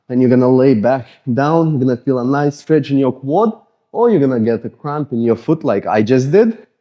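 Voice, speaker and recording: The voice is a man's, mid-range, with the high frequencies cut off, and he has an Eastern European accent. A fitness coach, he casually guides a follow-along mobility routine while sweaty after a workout, joking about his tight muscles. His style is casual, self-deprecating, and relaxed.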